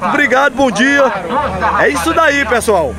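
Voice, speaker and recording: A man's voice: extremely high pitch, expressive, measured pace, loud music behind the voice. A man with a Northeastern Brazilian accent vlogging casually outdoors, chatty and upbeat as he greets sellers and calls out to his viewers. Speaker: vlogger touring a cattle market. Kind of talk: casual walk-around vlog with interviews. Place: outdoor cattle market, busy crowd. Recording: loud crowd noise outdoors.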